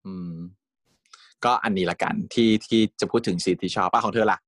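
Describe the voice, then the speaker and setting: A man chatting casually as co-host of a series review, lively and quick to laugh, sometimes turning to address the viewers. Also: on the low side, no room sound, studio quality. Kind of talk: casual chat.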